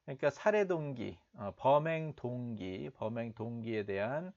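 A man teaching English listening, slowly repeating and breaking down phrases as he explains them. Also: mid-range voice, animated, a little mellow, dull audio. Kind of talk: explanatory language lesson.

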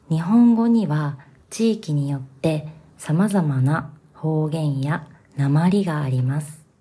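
Woman, podcast language teacher, very breathy soft voice, mellow tone, unhurried. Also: sits low. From Kansai, Japan. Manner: slow and carefully enunciated, gently explaining. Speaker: podcast host and Japanese teacher. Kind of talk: slow, clear Japanese lesson for learners.

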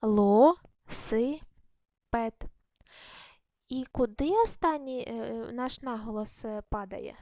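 A woman teaching a primary school class in a recorded lesson, her voice sitting a little high. She talks patiently, asks a question and then answers it herself, and stumbles now and then into fillers and self-corrections. The recording is dry and close, with no room sound. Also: darkish tone, no room sound.

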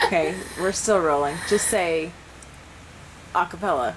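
A woman's voice: lowish voice, a little slow, noisy background. A woman behind the camera directing a casual home video shoot, coaxing and amused as she gives cues. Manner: amused, coaxing, often laughing while giving cues. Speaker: parent filming behind the camera.

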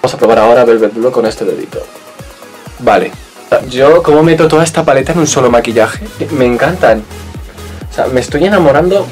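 Man, Spanish accent, makeup vlogger, camp and playful, very animated pitch, faint music behind. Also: a little fast. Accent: Spanish from Spain. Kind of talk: casual unboxing chat.

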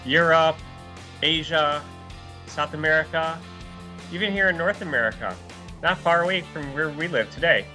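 Upbeat male art teacher in his 30s, bright kid-friendly delivery, soft guitar music underneath. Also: on the high side, moderate pace, pauses often. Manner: upbeat, enthusiastic, talks to children. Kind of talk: online art lesson for young kids. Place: virtual classroom backdrop, indoors.

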